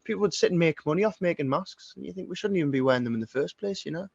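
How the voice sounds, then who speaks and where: A man's voice: on the high side, lively intonation, rapid-fire, gravelly, darkish tone, slightly rough, no echo, highs cut off. A man in his twenties with a Geordie accent, a singer-songwriter talking as a podcast guest in a casual, rambling way, full of swearing and restarts. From Northeast England. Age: 20s.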